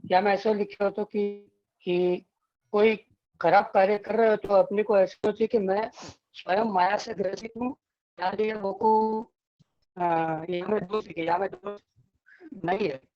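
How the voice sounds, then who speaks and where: A man, speaking from afar over a remote call. His audio is clipped and distorted and keeps breaking up, and the muffled, narrow line dulls his voice. He talks haltingly, pausing as he searches for words. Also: sits high, steady tone. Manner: hesitant, searching for words while recalling a text. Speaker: participant in an online religious study session. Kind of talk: casual remarks in a group discussion.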